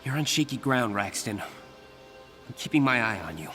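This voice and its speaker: A man's voice: mid-range voice, lively intonation, a little slow, sharp tone, soft background music. A man voicing a young, quippy and earnest superhero for a video game. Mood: guarded, suspicious. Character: young wisecracking masked superhero, earnest and eager.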